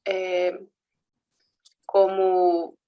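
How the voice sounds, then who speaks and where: A woman's voice: lowish voice, monotone, extremely slow, highs cut off. Hesitant woman student. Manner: hesitant, searching for words. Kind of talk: asking a question in class.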